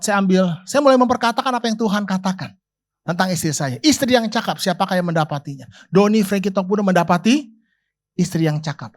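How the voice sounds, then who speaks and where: A male pastor preaching a sermon, speaking straight to his congregation, moving from loud exhortation to soft, intimate quotes. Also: high voice. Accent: Indonesian. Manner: addresses congregation directly, asks them questions.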